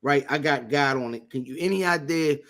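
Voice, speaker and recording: A man talks on a podcast in a relaxed, rambling way. His voice sits a little high, and he keeps dropping "you know what I'm saying" into his slangy stories. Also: a little fast. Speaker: podcast co-host. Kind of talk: casual chat.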